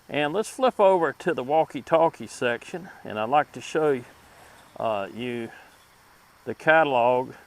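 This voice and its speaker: A man with a medium-pitched, mid-range voice hosts a vintage electronics channel and presents a review, talking informally through what he demonstrates. His delivery is deliberate, unpolished and halting.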